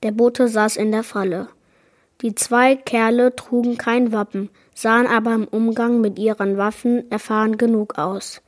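A woman reading aloud a chapter of a children's fantasy adventure book in a measured narrating manner. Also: fairly high pitch, steady tone, no echo, clean studio sound. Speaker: book reader. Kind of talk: storybook read-aloud.

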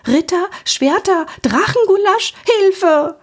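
A woman's voice: normal speed, vocal fry, breathy edge, exaggerated voice. A woman voicing a nervous young male dragon who stammers but stays determined, in a storybook reading. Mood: panicked. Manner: stammering, high and excited.

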